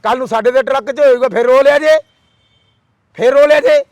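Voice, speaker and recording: There's no echo on this very high male voice as he gives a passionate interview. Fiery and rhetorical, he fires off questions and keeps repeating his demands in rapid-fire lists.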